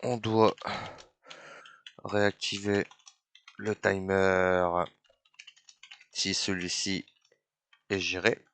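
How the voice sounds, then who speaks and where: A man giving a screen-recorded coding tutorial, thinking aloud in halting steps as he works. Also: sits low, little pitch movement, fairly bright tone, clean tone. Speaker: software trainer.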